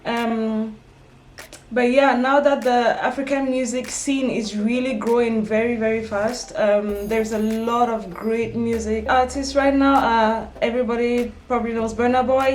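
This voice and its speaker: A woman's voice: on the high side, darkish tone. A young woman from Cameroon, chatting casually in a get-to-know-me vlog, full of ums and self-corrections. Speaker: vlogger. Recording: echoey room with background music.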